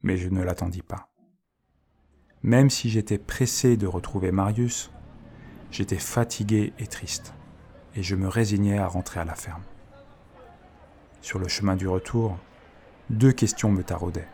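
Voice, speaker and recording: A man narrating a storybook in first person, reading softly and expressively. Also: deep voice, fairly even intonation, a little slow, pauses often, slight background noise. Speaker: audiobook narrator.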